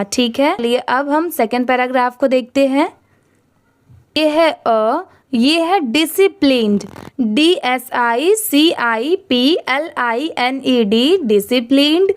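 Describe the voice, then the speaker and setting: A woman's voice: high voice, a little mellow. A woman teaching English reading who spells words letter by letter and then blends them, explaining patiently and with encouragement. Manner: patient, encouraging explanations with many rhetorical questions.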